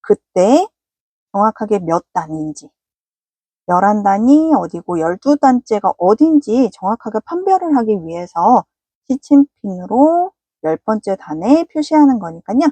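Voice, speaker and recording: A woman's voice: mid-range voice, sing-song, unhurried, dark tone, slightly rough, dry recording. A woman giving a patient, polite step-by-step crochet tutorial. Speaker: crochet instructor.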